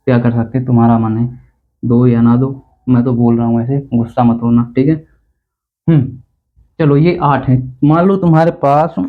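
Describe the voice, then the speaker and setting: A man teaching a basic math lesson in a chatty, teasing way, checking often that students follow. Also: fairly high pitch. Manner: chatty, teasing, repeats "theek hai na" to check understanding. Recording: tinny phone-like sound.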